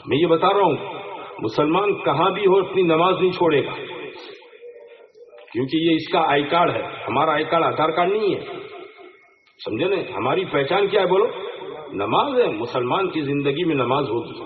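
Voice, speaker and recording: A man's voice: on the high side, expressive, normal speed, pauses often. A man preaching an Islamic sermon to a gathering, often putting questions to the listeners. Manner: asks the crowd rhetorical questions. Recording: tinny phone-like sound in an echoey room.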